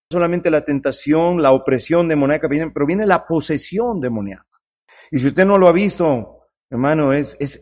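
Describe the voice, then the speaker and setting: High-pitched male pastor, fervent sermon delivery, murmur-to-cry swings, heavy repetition. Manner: impassioned, swings from low murmurs to drawn-out cries; repeats phrases for emphasis.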